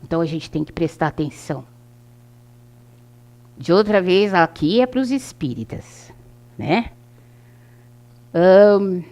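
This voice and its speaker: An older woman with a Brazilian accent speaks to a gathering at a spiritist center. She tells anecdotes and acts out the people in them, and her pitch swings widely as she goes. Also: darkish tone. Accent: Brazilian Portuguese. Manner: anecdotal, acts out quoted dialogue. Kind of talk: informal talk to a group.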